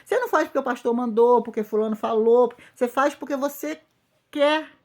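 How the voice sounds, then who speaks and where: A Brazilian woman pastor delivers an informal sermon in a somewhat high voice. She speaks emphatically, repeats her phrases for weight and turns to her listeners directly. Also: brisk, darkish tone. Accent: Brazilian Portuguese.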